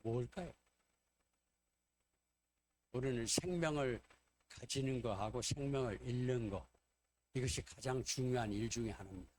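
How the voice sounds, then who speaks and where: A man's voice: mid-range voice, normal speed, pauses often, darkish tone, slight background noise. A man pastor preaching a sermon in Korean, retelling scenes and acting out the quoted dialogue.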